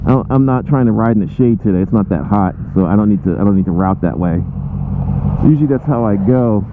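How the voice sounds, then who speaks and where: A man talking casually and haltingly, with informal slang, into a lavalier mic inside his helmet as he rides a motorcycle. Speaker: motorcycle vlogger. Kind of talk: casual rambling vlog while riding. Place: inside a motorcycle helmet while riding outdoors. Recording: muffled helmet mic, loud wind rumble.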